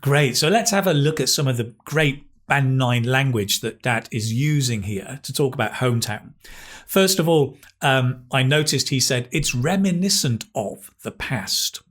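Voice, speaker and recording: Upbeat male English teacher, clear explainer. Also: mid-range voice, expressive, fairly bright tone. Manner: upbeat, praising, explains slowly with emphasis. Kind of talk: interview then language analysis.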